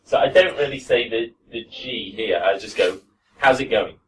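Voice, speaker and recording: Teacher explaining pronunciation, distant mic. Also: male voice, fairly low pitch, crowd noise. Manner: relaxed, many fillers, demonstrates words slowly. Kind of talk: classroom lesson. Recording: distant mic with faint room noise.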